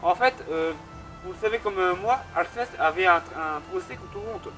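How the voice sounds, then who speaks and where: A man's voice: high-pitched, big pitch swings, moderate pace, sharp tone, rough recording. A young man hosting a casual literature explainer, joking at his own remarks and hesitating often. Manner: jokey, self-mocking asides and many hesitations. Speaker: host. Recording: clear background music under voice.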